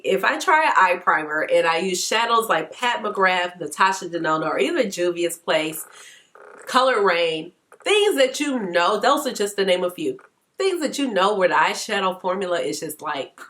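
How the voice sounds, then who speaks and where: A beauty vlogger speaks in a fairly low, slightly bright voice, sounding congested and stuffy-nosed. She chats casually through a makeup tutorial and laughs often.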